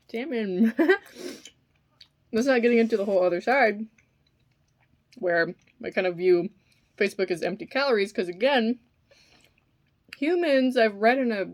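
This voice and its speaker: A woman chatting casually and musing in a halting, informal way while eating, sometimes with her mouth full. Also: mid-range voice, a little mellow. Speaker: vlogger eating on camera. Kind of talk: casual rambling opinion talk while eating.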